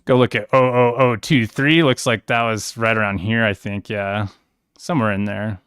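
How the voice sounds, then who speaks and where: A man's voice: lowish voice, fairly even intonation, normal speed, a bit bright, smooth, no room sound, studio quality. A man hosting a crypto trading livestream, casually walking through charts in a rambling, self-correcting way. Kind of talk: casual screen-share walkthrough.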